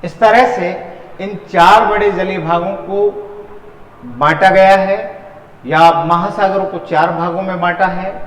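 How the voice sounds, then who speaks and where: In an exam-prep lecture style, a man with a high-sitting voice teaches, repeating phrases and posing questions he then answers himself. There's slight background noise and echoey, hall-like reverb.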